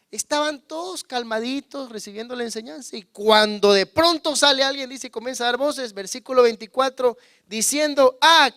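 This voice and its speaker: Man, pastor, high voice, dry close sound, loud and hushed by turns. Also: no echo. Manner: calls on the congregation to repeat words; swings between loud emphasis and hushed low asides. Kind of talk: sermon.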